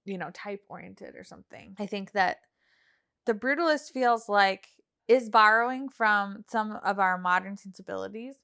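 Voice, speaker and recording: A woman's voice: medium pitch, moderate pace, bright, forceful tone, clear, resonant tone. A woman co-hosting a podcast, explaining a book plot in a thoughtful, casual way. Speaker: podcast co-host. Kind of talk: casual film discussion.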